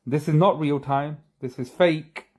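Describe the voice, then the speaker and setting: A man's voice: on the high side, measured pace, darkish tone, husky. A man commenting sarcastically over footage he is showing on screen. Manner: sarcastic, mocking. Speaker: video commentator.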